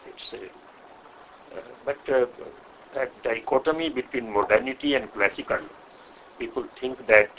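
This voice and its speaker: An older man from India with an Indian English accent, a Sanskrit scholar answering an interview question in a measured, hesitant way. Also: medium pitch, a bit bright, slight background noise, poor audio. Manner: measured, hesitant with frequent uh, lecturing.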